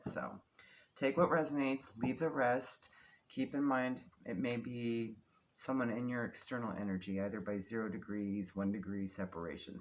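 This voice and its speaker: A man's voice: medium pitch, highs cut off. Man with retainer-slurred speech reading cards. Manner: unhurried, often ends statements with a questioning "okay?". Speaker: tarot card reader, host. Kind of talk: casual, improvised spiritual card reading to an audience. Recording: clearly noisy background with clicks.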